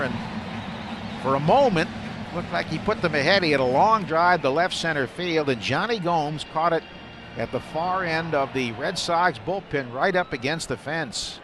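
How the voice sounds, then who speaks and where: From the booth at an outdoor ballpark, a man calls a baseball game live on the radio as play-by-play announcer. His voice sits on the high side and moves at a moderate pace, over a constant wash of ballpark noise.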